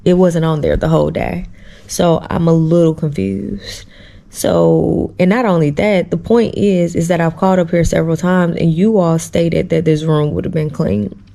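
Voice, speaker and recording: Brief: woman vlogger, storytime, low gravelly voice, animated and exasperated. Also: normal speed. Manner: animated, exasperated storytelling with slangy asides to viewers. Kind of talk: casual storytime vlog.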